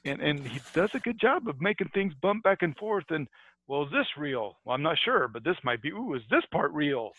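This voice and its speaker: Recorded lo-fi with no echo through headphones and a mic, this American podcast co-host from the United States has a somewhat high, slightly bright voice with big pitch swings and a brisk pace. He chats casually about a book, laughs a lot and often restarts.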